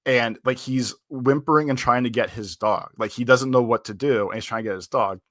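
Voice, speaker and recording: A man's voice: medium pitch, fairly quick, a bit bright, no room sound, studio quality. A man co-hosting a podcast, telling a long story in casual chat, full of "like" fillers and rambling. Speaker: podcast co-host.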